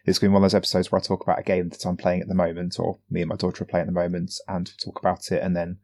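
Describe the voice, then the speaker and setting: A man's voice: low voice, completely flat delivery, racing, darkish tone. A man in his thirties, co-hosting a casual games podcast and explaining a game at length. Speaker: podcast co-host.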